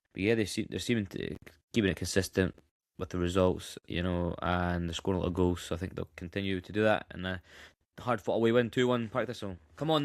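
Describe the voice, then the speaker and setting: A man's voice: low voice, dry recording, clean studio sound. A man co-hosting a football podcast, chatty and jokey with plenty of fillers. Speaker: podcast co-host. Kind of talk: casual podcast chat.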